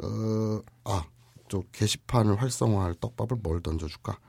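A man's voice: on the low side, normal speed, vocal fry, breathy edge, no echo. A man co-hosting a comedy podcast, making absurd claims with a straight face. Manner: deadpan absurd boasting; sings his jingle in a crooning voice. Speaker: podcast co-host.

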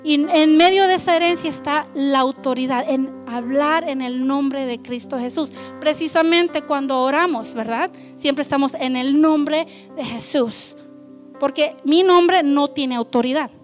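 A woman's voice: high voice, unhurried, faint music behind. A woman preaching a conversational sermon, mixing in English phrases. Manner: switches between Spanish and English, conversational and lively.

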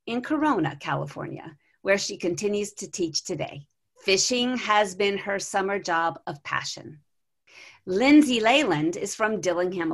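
A woman hosting a podcast, reading guest introductions in a measured way and then asking questions. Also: mid-range voice, creaky, fairly bright tone. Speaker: podcast host.

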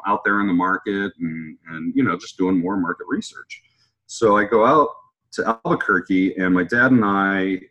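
A man with a husky voice casually telling a story in conversation, acting out quoted lines with a lively raised voice. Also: fairly low pitch, lo-fi sound. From California. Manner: animated, acts out quotes with raised voice. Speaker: hot sauce maker telling his story.

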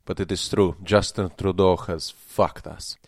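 A man's voice: sits low, fairly even intonation, a little slow, no echo. A man playing a pompous, fanatical Russian sour cream promoter with a heavy Russian accent and a solemn, faintly menacing manner, as a guest in a comedy interview. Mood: mournful.

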